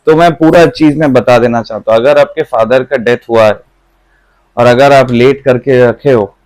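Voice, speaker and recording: A man in his thirties coaches exam candidates in casual Hindi laced with English phrases, going over each point twice. His voice sits at an ordinary middle pitch. It is recorded close and dry, with no room sound. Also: moderate pace, a little mellow, no room sound, poor audio. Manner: explanatory, mixes English into Hindi, repeats points.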